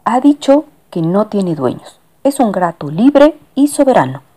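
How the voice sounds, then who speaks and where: A woman voicing a calm, matter-of-fact young man passenger in a storybook reading. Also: medium pitch, a little slow.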